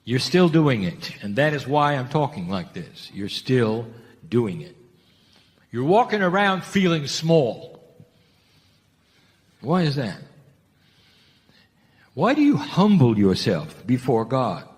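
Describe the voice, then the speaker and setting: A man's voice: mid-range voice, big pitch swings, slow pace, pauses often, long reverb tail. A man giving a channeled spiritual talk, emphatic, asking rhetorical questions and repeating key phrases.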